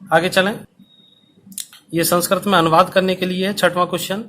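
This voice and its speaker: A male teacher explaining a Sanskrit lesson to school students, speaking slowly and deliberately so they can write along. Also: high voice, flat delivery, bright, forceful tone, slight background noise. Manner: slow, dictation-paced explanation. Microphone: recorded for online video.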